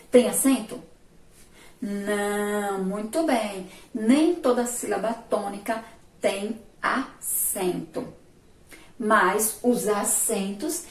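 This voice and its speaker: A woman with a Brazilian Portuguese accent teaches a remote class, asking her pupils questions and answering them herself while sounding out syllables slowly and loudly. Her voice is on the high side and comes from off a distant mic, with roomy echo.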